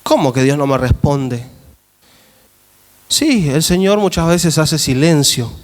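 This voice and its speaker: A man pastor with a Rioplatense Spanish accent, preaching an emphatic sermon and asking the congregation questions in a church hall. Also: fairly high pitch. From Argentina. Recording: long church-hall reverb.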